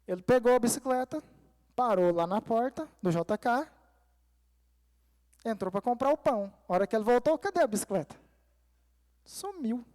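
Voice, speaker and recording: A man's voice: very high-pitched, lively intonation, moderate pace, long pauses, a little mellow. A male pastor preaching a sermon at a church service, telling a personal story and calling the congregation dear ones and brothers. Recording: long reverb of a church hall.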